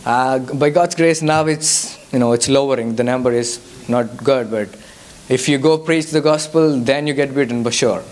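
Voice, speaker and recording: Answering audience questions as the guest speaker at a church youth service, a young man from India speaks English with a Telugu accent, as Telugu is his native tongue. His voice is mid-range and a little mellow, at a moderate pace, and he's hesitant, with frequent fillers and restarts.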